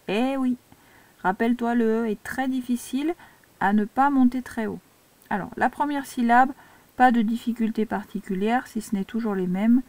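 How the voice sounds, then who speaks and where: Une institutrice française qui explique l'écriture cursive à de jeunes élèves, pas à pas et avec patience. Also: female voice, fairly high pitch, a little mellow, no room sound. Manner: slow, patient step-by-step instruction. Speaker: primary school teacher. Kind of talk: handwriting lesson for young children.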